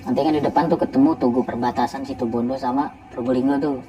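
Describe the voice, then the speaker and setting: A man who drives trucks, telling a story casually and animatedly, with quick asides to the listener. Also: medium pitch, fairly even intonation, muffled recording.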